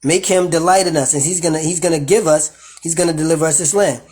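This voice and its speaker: A man reading scripture and retelling it in profane, animated slang. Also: a little high, quick pace, slightly rough. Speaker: bible study teacher. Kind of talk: casual bible reading with commentary.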